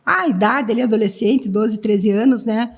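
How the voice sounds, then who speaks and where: A woman's voice: a little high, normal speed, breathy edge. A woman in her fifties, a team president chatting casually as a podcast guest, often tagging her sentences with a question. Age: 50s. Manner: chatty, tags lines with "né?".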